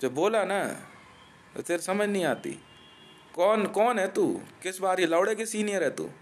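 A man's voice: high-pitched, animated, measured pace. A man from India delivering a profane ranting monologue, aggressive and taunting, swearing constantly and laughing between threats.

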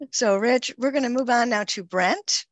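A woman's voice: fairly high pitch, takes it slowly, no echo. A woman moderating a webinar, upbeat as she reads speaker introductions. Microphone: video call.

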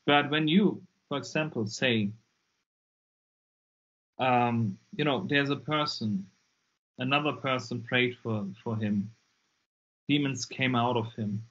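A man's voice: medium pitch, slow pace, long pauses, a bit bright. Man, German accent, non-native English, emphatic, repeats himself, earbud mic, dull lo-fi sound. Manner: emphatic, repeats words when pressing a point. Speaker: guest, deliverance minister. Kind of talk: casual interview talk. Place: dim room indoors. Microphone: earbuds on a video call. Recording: lo-fi video call audio.

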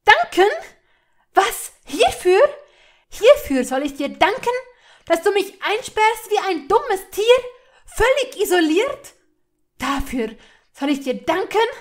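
A woman reading a fan audiobook voices a furious young woman whose indignation breaks into high, strained shouting. Every word is hurled out loud and shrill, the pitch climbing well above a normal speaking voice. She takes her time, with each accusation slow and deliberate.

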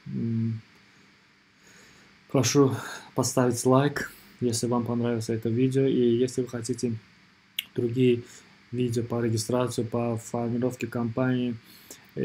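A man narrating an informal screen tutorial as its presenter, in a hesitant, halting way, often repeating himself. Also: medium pitch, mellow, breathy edge, rough recording. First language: not Russian or rusty Russian speaker living abroad.

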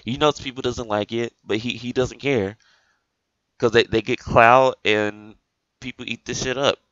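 A man's voice: mid-range voice, steady tone, measured pace, a bit bright, smooth, no room sound. Exasperated man ranting, dull dry sound. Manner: exasperated, repetitive, heavy on "like" fillers. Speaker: gaming video creator. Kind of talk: opinion rant to camera.

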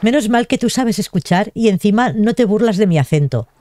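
A woman's voice: medium pitch, animated, brisk, mellow, natural voice. A woman reading aloud the lines of a shy young male villager who loves trees, in a bashful, rambling way. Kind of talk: reading game dialogue aloud.

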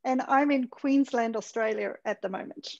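A woman's voice: fairly high pitch, moderate pace, creaky, a little mellow. A woman who is a visiting English teacher, greeting students in a friendly online class over a video call. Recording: dull lo-fi video call audio.

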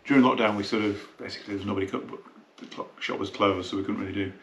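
Male dealer, low-pitched, easygoing unboxing chat; noisy room with clicks. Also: steady tone, rapid-fire, reverberant. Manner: chatty, thinking aloud while handling the product. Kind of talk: casual unboxing talk.

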